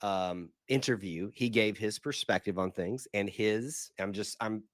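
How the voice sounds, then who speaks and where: A man with a hoarse, sick-sounding voice, hosting a casual sports podcast in an energetic, rambling way. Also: on the low side, a little slow, no room sound, studio quality. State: hoarse from a cold. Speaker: podcast host.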